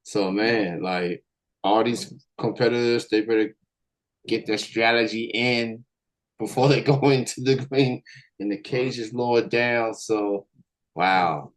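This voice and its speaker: A man's voice: mid-range voice, steady tone, measured pace, rough recording. A man hosting an interview show, chatting in a laid-back way and often repeating himself. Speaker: show host. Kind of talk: casual interview chat.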